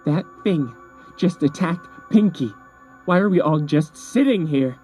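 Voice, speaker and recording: A brash young pony mare, put on by a man reading aloud, talks in a raised, lively voice. She snaps her words bluntly and impatiently, wanting action now, with a warm, mellow tone under the strain. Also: on the high side, measured pace, faint music behind, pitched above the performer's own voice. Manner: snappish, blunt.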